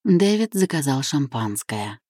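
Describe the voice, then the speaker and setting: Woman narrator, audiobook, low pitch, dark tone, dry close sound. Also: very animated, a little slow, breathy edge, no room sound. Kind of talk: scripted literary narration.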